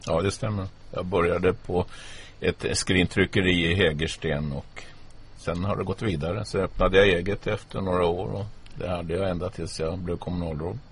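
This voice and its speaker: Older man with a very low voice. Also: steady tone, breathy edge. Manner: chatty storyteller who acts out quotes. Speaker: guest, former municipal politician. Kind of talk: casual anecdotal storytelling.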